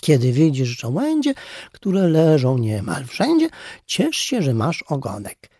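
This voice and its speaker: A man's voice: fairly high pitch, wildly swooping pitch, measured pace, dark tone, slightly rough, dry recording, clean studio sound, exaggerated voice. A man voicing a cheerful boar humming his own little ditty. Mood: cheerful sing-song. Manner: sing-song, humming to himself.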